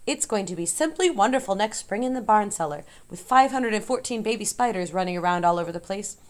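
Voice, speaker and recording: A woman voicing an innocent, eager young male pig in an audiobook, pitched higher and full of questions. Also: animated, moderate pace, lightly acted. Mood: excited. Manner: higher, wide-eyed, asks many questions. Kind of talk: audiobook character voice.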